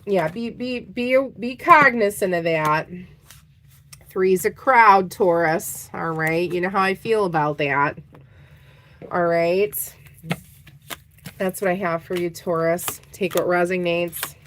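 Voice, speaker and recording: A woman's voice: fairly low pitch, takes it slowly, pauses often, fairly bright tone, a little hiss or hum. A woman giving a casual tarot reading, chatting straight to her viewers and laughing easily. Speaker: tarot reader.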